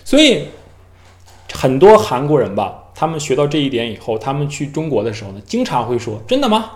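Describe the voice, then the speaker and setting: A man who teaches Chinese, talking casually and mimicking how his students pronounce words. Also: mid-range voice. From mainland China. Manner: lively, imitates students' careful tones and slow syllables. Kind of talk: casual talk to camera. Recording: echoey room.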